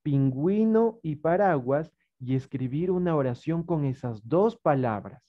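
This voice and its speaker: A woman's voice: low-pitched, expressive, a little slow. A woman with an Ecuadorian Spanish accent, teaching young children in an online class over a video call, patient and coaxing, with many diminutives. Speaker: primary school teacher. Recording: muffled video-call audio.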